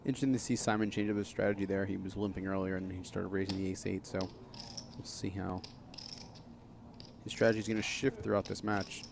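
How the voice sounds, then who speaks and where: A man's voice: low-pitched, fairly even intonation, fairly quick, creaky, background noise. A man with a New York accent giving casual, analytical live poker commentary. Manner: casual, analytical, restarts often.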